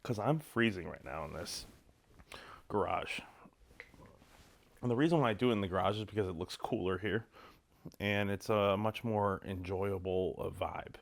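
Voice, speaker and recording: Young man, low-ish voice, casual vlog advice, rambling and relaxed, home garage. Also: normal speed, gravelly, long pauses. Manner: relaxed, rambling, many ums and likes. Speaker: vlogger. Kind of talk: casual advice talk to camera.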